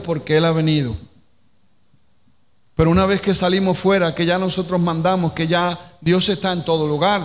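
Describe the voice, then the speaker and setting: A pastor with a fairly high voice preaches a sermon, repeatedly questioning his listeners directly and restating his phrases. His voice rings with long hall reverb over faint noise.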